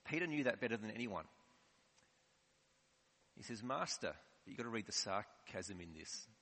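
A man's voice: fairly low pitch, lively intonation, moderate pace, fairly bright tone. A man preaching a sermon in a conversational, explanatory way. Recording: long hall reverb.

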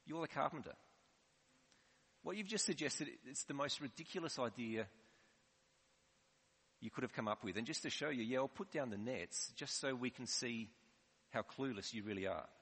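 A man's voice: medium pitch, animated, normal speed, pauses often, fairly bright tone, husky. A man voicing a sarcastic adult male fisherman, speaking in a mocking, condescending way. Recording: long hall reverb.

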